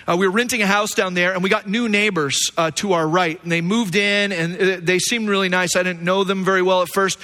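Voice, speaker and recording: Male pastor, bright and forceful tone, animated sermon delivery with self-deprecating humor. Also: high voice.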